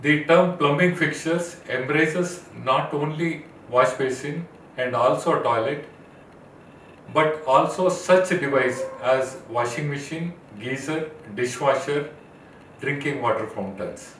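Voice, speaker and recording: A middle-aged man with an Indian English accent, presenting a scripted technical lesson in a measured, list-like way. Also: on the high side, a bit bright, slight background noise. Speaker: plumbing expert presenter. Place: studio set, indoors. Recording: roomy echo, mic at a distance, faint ambience.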